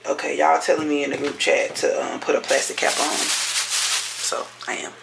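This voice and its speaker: A woman's voice: low-pitched, steady tone, moderate pace, creaky, heavy background noise. Exasperated, cursing young woman vlogger. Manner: profane, exasperated, talks to viewers as y'all. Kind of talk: casual vlog chat.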